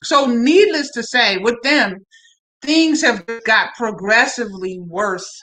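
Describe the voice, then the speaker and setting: A woman's voice: fairly high pitch, expressive, slow pace, fairly bright tone, rough recording. A woman hosting a live stream, chatting casually and slangily to her viewers while recapping a reality show, often repeating her words.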